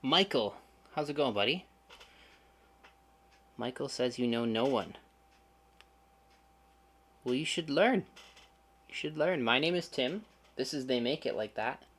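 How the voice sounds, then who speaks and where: A man's voice: mid-range voice, animated, unhurried, pauses often, a bit bright, slightly rough. Chatty joking man hosting a livestream. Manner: chatty, joking, sarcastic asides. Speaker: channel host. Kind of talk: casual livestream chat.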